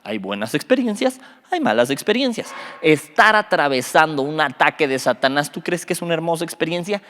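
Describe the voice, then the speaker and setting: A man, a youth pastor teaching a Bible study, animated and joking, quizzing his listeners. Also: on the high side, fairly quick. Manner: animated, quizzes the audience, jokes. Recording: reverberant hall.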